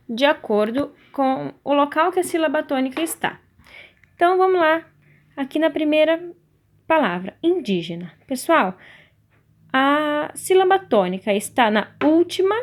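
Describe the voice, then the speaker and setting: Brazilian woman teacher, fairly high voice, patient, lesson-style delivery. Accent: Brazilian Portuguese. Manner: patient, stretches out key words slowly. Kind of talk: recorded online lesson.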